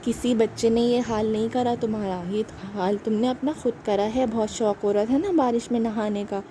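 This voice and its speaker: A woman's voice: steady tone, normal speed, mellow, slight background noise, lightly acted. A woman voicing a drowsy, teasing older sister doll in a children's puppet show. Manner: drowsy, mocking, lower-voiced.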